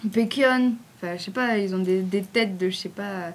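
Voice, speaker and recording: A woman's voice: mid-range voice, moderate pace. A woman with a southern French accent answering fan questions in a casual, rambling vlog, full of fillers. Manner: chatty, rambling, frequent fillers.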